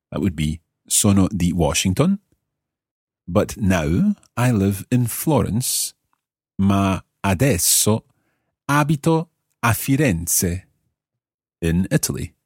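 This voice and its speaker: A low-pitched man teaching a podcast language lesson, his voice lively and full of rises and falls. He has a slightly husky tone, recorded close and dry with no room sound. He talks in a clear, deliberate way and slows right down for example phrases. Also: no echo.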